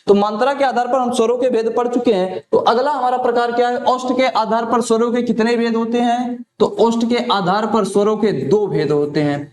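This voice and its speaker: Guy teaching exam prep, really high voice, asks then answers himself, echoey room. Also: fairly even intonation, fairly quick, hardly any pauses, a little mellow.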